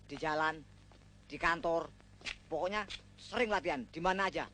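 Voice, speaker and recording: A man's voice: on the high side, moderate pace, bright, forceful tone, a little hiss or hum. An actor playing a cocky young man who bosses and teases his friend, barking exercise counts and lecturing him in a film comedy. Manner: bossy, teasing, barks exercise counts. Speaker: friend coaching a groom. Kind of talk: 1980s film comedy acting.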